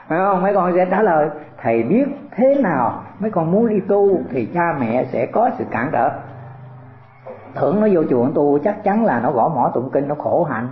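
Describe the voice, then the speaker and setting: Older guy preaching buddhism, high voice, tinny like a phone, echoey room. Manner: folksy, rhetorical questions, chuckling asides. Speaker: Buddhist teacher. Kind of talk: dharma talk to disciples.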